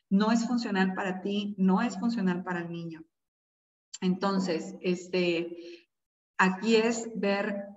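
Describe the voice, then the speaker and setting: A woman leading an online parenting class, talking conversationally with many fillers and often checking in with her listeners. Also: medium pitch. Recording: distant, echoey, dull sound.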